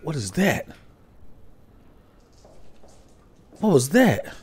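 A man's voice: fairly high pitch, big pitch swings, normal speed, a little hiss or hum. A man letting out terrified screams while commentating on a horror game playthrough. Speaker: gaming streamer.

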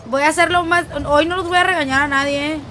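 Quick and forceful, a woman with a Mexican Spanish accent chats casually during her shooter game stream. Her voice is high, bright and steady in tone as she jokes, teases and brags.

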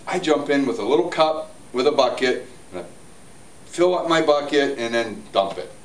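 A man's voice: mid-range voice, animated, normal speed, slight background noise. A man in his forties, a hot tub store owner, giving a casual, upbeat how-to demo while moving around and gesturing. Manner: chatty, upbeat, walks and gestures while explaining. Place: spa showroom, indoors, large. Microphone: camera on tripod at a distance. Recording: roomy showroom audio, camera mic from a distance.

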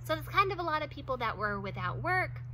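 A vlogger in her thirties chats casually to the camera outdoors, standing in front of a wooden fence. Her voice sits high with big pitch swings and a quick pace, and she fills her talk with "like" and little laughs. Some background noise is audible.

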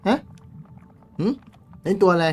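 A young man streaming a game live, chatting with viewers in a crude, swearing, excitable way. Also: normal speed.

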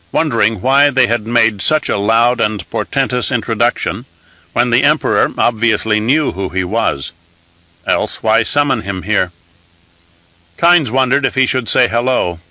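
A man narrating an audiobook in a steady, measured storytelling manner. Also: fairly low pitch, no echo, lo-fi sound. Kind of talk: scripted narration.

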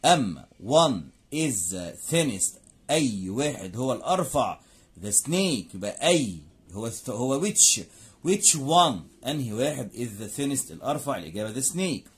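A man's voice: mid-range voice, very animated, measured pace. A man with an Egyptian Arabic accent teaching an English grammar lesson, saying each word in English and then in Arabic and asking and answering his own questions. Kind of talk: classroom lesson explaining grammar.

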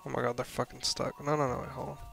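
A man commentating his own live gameplay, his voice bright and edgy with a gravelly fry underneath. He keeps breaking into exasperated, profane outbursts. Faint music plays behind him. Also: mid-range voice, little pitch movement, fast. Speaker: streamer.

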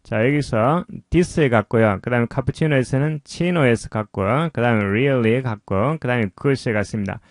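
A man teaching English pronunciation, explaining slowly and patiently in a lesson voice-over. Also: medium pitch, no room sound, studio quality.

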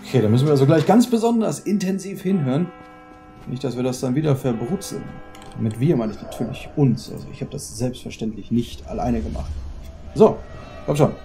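A man's voice: mid-range voice, expressive, a little fast, warm tone, faint music behind. A man narrating a horror game as let's play host, chatty and dropping English exclamations into his German.

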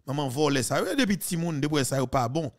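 A man in his thirties with a Haitian accent, giving heated, mocking political commentary on a podcast, with sudden loud outbursts. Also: on the high side, sing-song, quick pace. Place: small studio. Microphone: studio mic with headphones.

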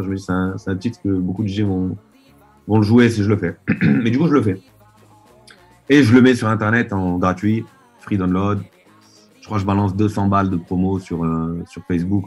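A man tells his story over a video call, his voice low and husky. He rambles, filling gaps with hesitations and restarting his sentences. Faint music plays quietly behind him. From Marseille, France. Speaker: DJ and producer guest. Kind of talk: casual interview storytelling. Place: dim room at home. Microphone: video call webcam.

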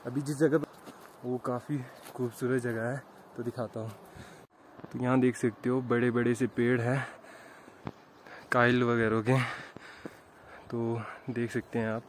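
Tired from the ascent, a young adult vlogger talks casually to viewers while hiking a wooded mountain path, filming on a handheld camera held at arm's length. He speaks unhurriedly at a medium pitch, pausing often with little pitch movement, over a slight hiss or hum.

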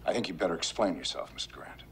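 An older American official in a film drama. His voice is very deep. He chairs the briefing gravely, with short, commanding questions. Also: lively intonation, quick pace, fairly bright tone, slight background noise. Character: grave older male government chief, commanding and terse.

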